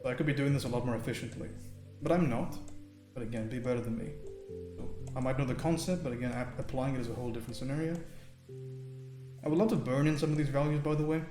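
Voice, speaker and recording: A man leads a live painting stream, talking his way through each choice in a relaxed, easygoing way. His voice carries some room echo. Soft music plays faintly underneath. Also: medium pitch, quick pace. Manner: relaxed, thinking aloud, frequent "right?". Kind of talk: live painting tutorial with chat. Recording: roomy sound with faint music.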